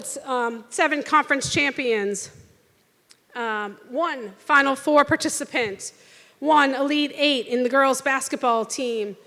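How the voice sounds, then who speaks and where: A high-voiced woman hosts a school sports awards night, announcing champions and honors in an upbeat way. Her voice rings out through a big echoing hall. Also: bright, forceful tone. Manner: upbeat, announcing lists with fillers. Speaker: athletic director hosting awards night. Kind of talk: speaking at a podium to an audience. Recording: reverberant hall.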